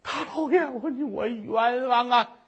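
A man's voice: very high voice, measured pace, heavy background noise, pitched above the performer's own voice. A male storyteller voicing a frightened older woman who wails and pleads her innocence before a judge. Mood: pleading. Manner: wailing, pleading.

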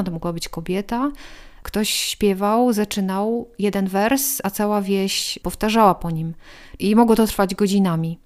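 A woman's voice: medium pitch, a little mellow, clear, resonant tone. Woman guest going on eagerly, lots of detail, chatty explaining. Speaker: guest expert on Estonian culture. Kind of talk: conversational explaining.

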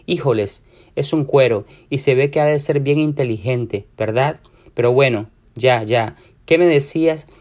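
A man's voice: mid-range voice, unhurried, darkish tone, lightly acted. A man voicing a chatty, distracted, flirty divorced woman friend, drawing out her breezy words. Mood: gushing.

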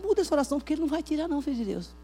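A woman preaching a Pentecostal sermon at a church service, emphatic, swinging between loud outbursts and hushed talk. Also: high voice, very animated, rapid-fire.

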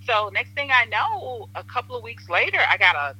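Podcast guest: animated woman, bright and husky, tinny phone sound, lively storyteller. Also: fairly high pitch, moderate pace. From Southern Illinois, USA. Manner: animated storyteller, acts out quotes, laughs often. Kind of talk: casual chat.

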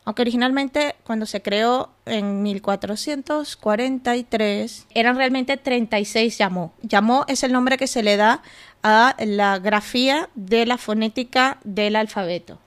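A woman's voice: a little high, unhurried. A woman hosting a podcast, explaining step by step in a casual way with asides and rhetorical questions. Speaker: podcast host.

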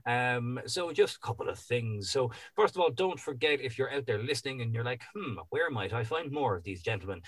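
A man's voice: mid-range voice, expressive, a little fast, few pauses, fairly bright tone, dry recording. A man hosting a podcast, chatting casually in a rambling way with plenty of ums. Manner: easygoing, rambling with many ums. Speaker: podcast host. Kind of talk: casual podcast chat and sign-off.

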